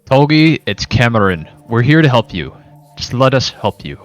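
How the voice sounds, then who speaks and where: A man playing a tabletop game, chatting casually in an unhurried, wry manner. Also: mid-range voice, sing-song, highs cut off, soft background music.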